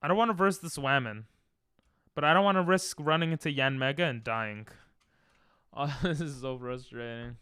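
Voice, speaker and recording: A medium-pitched man speaks at normal speed, his voice pushed and bright with a clean tone and no room sound. A native Hebrew speaker, he's casually chatting on a game stream, reading chat aloud and freestyling silly rhymes.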